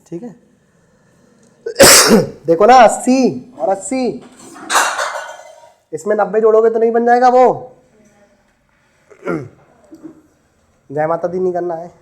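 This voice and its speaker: A man teaching maths to a classroom of students, checking their sums, teasing them and dictating questions slowly with many repeats. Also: sits high. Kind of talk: classroom lecture.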